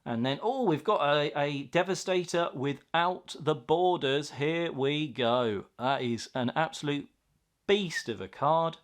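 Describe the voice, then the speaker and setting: A man's voice: on the high side, a little slow. A man chatting casually and enthusiastically as he hosts an unboxing, reacting aloud to what he finds. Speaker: host of a card pack opening video.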